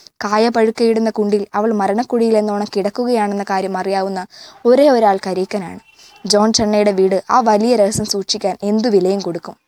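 Woman, audiobook narration, measured even reading, mid pitch, dry close recording. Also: no echo. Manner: measured, even reading with spoken self-corrections. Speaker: audiobook reader. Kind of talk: novel reading.

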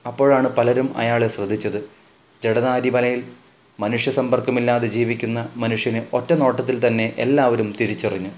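A man narrating a novel in a steady, measured audiobook reading. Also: medium pitch.

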